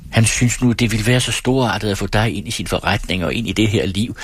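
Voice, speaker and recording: A man voicing a teasing, restless young married woman in a read-aloud story, in a lightly mocking, quick manner. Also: lowish voice, slight background noise, lightly acted.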